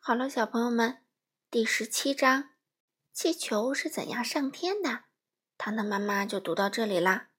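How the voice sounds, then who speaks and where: A woman reads a children's storybook aloud in a gentle, storytelling manner. Her voice is husky and sits somewhat high. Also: animated, normal speed. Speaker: mother reading stories to children.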